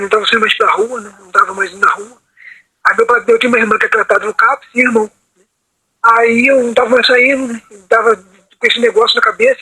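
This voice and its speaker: A man's voice: very high-pitched, bright, forceful tone, breathy edge, rough recording. A man on a video call telling a long personal account, rambling and asking "entendeu?" after almost every phrase. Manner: rambling, repeats "entendeu?" constantly. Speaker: meeting participant.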